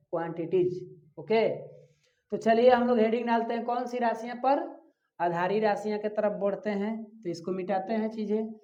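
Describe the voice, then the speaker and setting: In a high, warm voice, a male physics teacher gives a classroom-style lecture, asking questions he answers himself and going back over key terms. The sound is dull and lo-fi, recorded in an echoey room.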